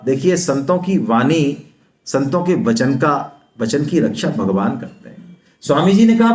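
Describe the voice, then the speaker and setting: A man giving a spiritual lecture on the Gita, coaching Sanskrit pronunciation and chanting the verses slowly. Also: on the high side, roomy sound. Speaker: Gita teacher. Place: seminar hall.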